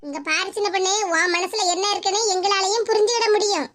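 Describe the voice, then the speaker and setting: Woman voicing gentle motherly village auntie. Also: extremely high pitch, fast, slight background noise. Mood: knowing. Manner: soft, coaxing, motherly. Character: kindly middle-aged village woman, elder sister figure. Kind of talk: cartoon voice acting.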